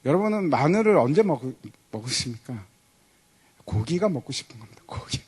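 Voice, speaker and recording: A man's voice: on the high side, very animated, brisk, husky. A male pastor preaching a sermon in a storytelling way, often putting questions to the congregation.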